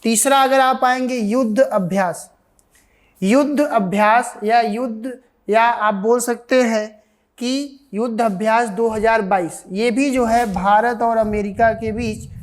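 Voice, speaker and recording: A woman with an Indian accent giving an online exam coaching lecture, repeating key points and answering her own questions. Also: on the high side. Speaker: defence exam coaching teacher.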